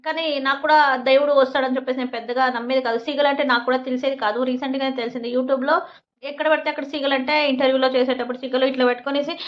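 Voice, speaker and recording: A woman's voice: high-pitched, fairly even intonation, rapid-fire, muffled recording. A woman vlogger in casual talk to camera, rambling and making earnest, pleading appeals.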